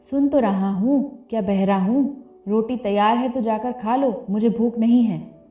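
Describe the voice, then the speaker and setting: A woman's voice: on the high side, a little slow, natural voice. A woman voicing a stubborn, weary young village husband who speaks sulkily and bitterly. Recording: tinny phone-like audio, roomy, faint music.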